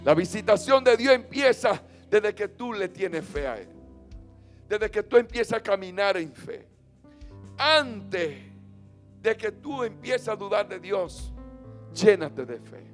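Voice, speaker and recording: A man preaching a sermon as pastor, leading call-and-response and swinging from loud chanted lines to soft low ones. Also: expressive, slow. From Dominican Republic. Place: church sanctuary. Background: faint instrument music.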